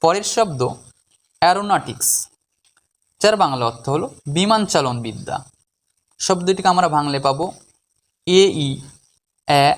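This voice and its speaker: Male pronunciation tutor, patient, spells words out, a little high-pitched. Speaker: English pronunciation teacher. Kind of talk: slow syllable-by-syllable pronunciation lesson.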